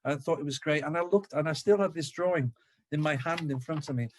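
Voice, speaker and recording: Welsh man telling a lively story. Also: on the high side, fairly quick, a little hiss or hum. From North Wales. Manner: lively storyteller who acts out dialogue. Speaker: local history speaker. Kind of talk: anecdotal public talk.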